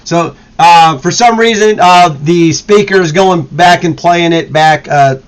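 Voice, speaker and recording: A man's voice: fairly high pitch, unhurried, smooth, low-quality recording. A man hosting a live stream, chatting casually and explaining details at length. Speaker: stream host.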